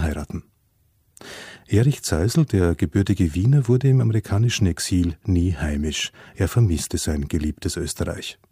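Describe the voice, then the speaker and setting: A man narrating a scripted radio feature in a measured, formal manner. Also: low-pitched, warm tone, slightly rough, dry recording, clean studio sound.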